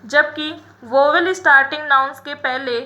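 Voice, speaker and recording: A woman teaching English grammar in a lesson, explaining each example slowly and repeating the rule. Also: high voice, bright, forceful tone. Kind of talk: classroom-style grammar lesson.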